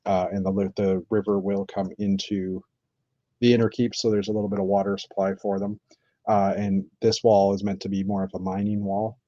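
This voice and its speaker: A man chatting casually on a live stream while building, thinking aloud with many pauses and fillers. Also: on the low side, flat delivery, mellow, no room sound. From Canada. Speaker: streamer building with toy bricks. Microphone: computer mic on live stream. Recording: dull lo-fi stream audio.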